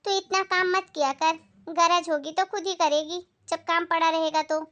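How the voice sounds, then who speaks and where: A woman doing a sharp-tongued middle-aged mother-in-law in a family moral skit. She scolds in a very high voice. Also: steady tone, moderate pace. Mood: indignant. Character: nagging middle-aged mother-in-law who avoids housework.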